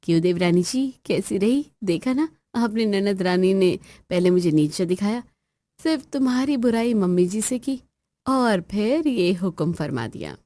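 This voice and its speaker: A woman's voice: medium pitch, lively intonation, measured pace, mellow, no room sound, close to an everyday voice. A woman voicing an elder daughter-in-law who speaks with weary sarcasm and confides in her sister-in-law. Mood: weary sarcastic.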